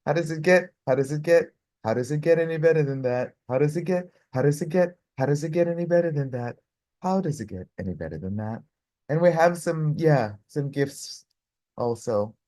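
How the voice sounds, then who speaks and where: A woman's voice: sits low, dark tone, dry recording. A woman from the United States hosting a live workshop, giving effusive closing thanks with frequent laughter. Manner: effusive, laughing, slow and drawn-out. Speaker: workshop host.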